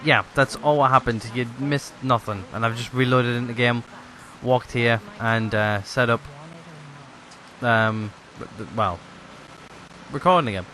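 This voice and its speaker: A man's voice: medium pitch, steady tone, measured pace, bright, forceful tone, a little hiss or hum. A man rambling through let's play commentary with many fillers, hiccuping and a tired voice. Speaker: gaming YouTuber.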